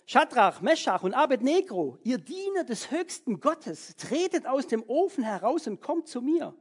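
A preacher reading out the words of an astonished, proud ancient king in a slow, raised voice. The voice is husky. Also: mid-range voice, lively intonation, darkish tone. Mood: proclaiming.

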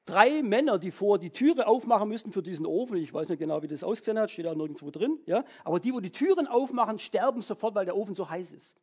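A preacher giving a lively, casual sermon, keeping the listeners engaged with frequent check-in questions. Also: mid-range voice, quick pace, few pauses, breathy edge. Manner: animated, keeps checking in with "ja?".

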